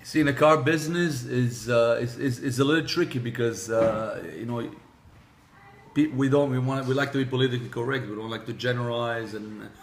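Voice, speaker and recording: With slight background noise behind him, a medium-pitched Israeli man whose native tongue is Hebrew responds to interview questions in his role as a car sales manager. He hesitates, restarts often, and leans on fillers.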